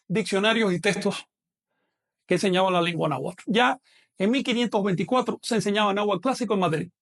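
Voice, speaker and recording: Giving an online language lesson, a man speaks Spanish with an accent that isn't Mexican. His voice is high with a gravelly rasp, and he explains things step by step, often turning to his students with check-in questions.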